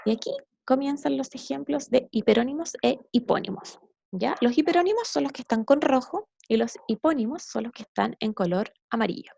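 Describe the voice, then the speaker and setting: A woman's voice: high-pitched, lively intonation, a little fast, gravelly, warm tone, slightly rough, no echo, dull audio. A woman teacher giving a patient, explanatory recorded lesson to children, often checking in with her listeners.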